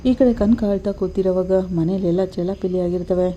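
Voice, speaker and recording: Mellow woman narrating a story. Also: fairly low pitch, moderate pace, highs cut off, a little hiss or hum. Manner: steady, matter-of-fact narration. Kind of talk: storytelling retelling of a TV serial.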